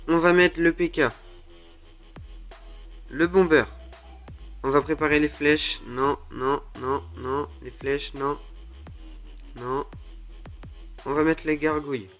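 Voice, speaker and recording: A young man commenting live on his own mobile game matches, excitable, groaning and exclaiming at each play. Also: on the high side, slow, long pauses. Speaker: gaming YouTuber. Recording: faint music under the voice.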